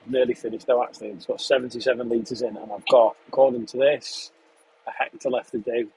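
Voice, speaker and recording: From inside his tractor sprayer cab in a field, a young man from England live-streams while he works, chatting in a relaxed way and answering viewers' questions between running commentary on the job. His voice is medium-pitched and fairly quick, on a rough recording with slight background noise.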